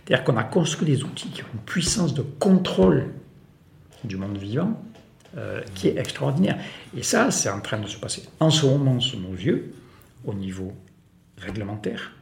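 A man with a gravelly, creaky voice gives an emphatic explanatory talk, improvising as he goes. The room adds a clear echo around his medium-pitched voice. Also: sing-song, moderate pace. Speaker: farmer speaking as an activist. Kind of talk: explanatory political talk, speaking off the cuff. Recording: echoey room recording.

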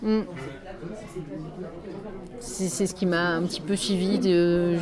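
A woman's voice: on the low side, little pitch movement, slow. A French woman artist talking about her work in a casual conversation, hesitant, with many fillers. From France. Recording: crowd chatter behind.

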